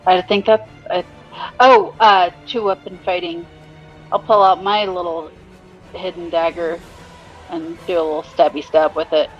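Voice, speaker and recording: A woman's voice: fairly low pitch, flat delivery, a little slow. A woman playing a tabletop game, chatting casually and thinking aloud in a hesitant way. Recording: dull lo-fi audio, faint music.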